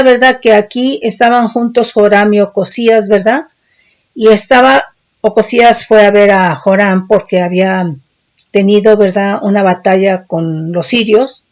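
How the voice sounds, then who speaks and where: A woman preacher giving a Bible teaching, explaining slowly and often adding tag questions to check that her listeners follow. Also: medium pitch, a little mellow.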